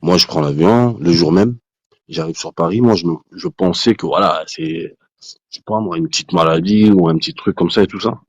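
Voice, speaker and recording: A man telling a personal testimony as a guest, in casual spoken storytelling, animated, with many restarts, acting out the dialogue he quotes. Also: deep voice, moderate pace, no echo, lo-fi sound.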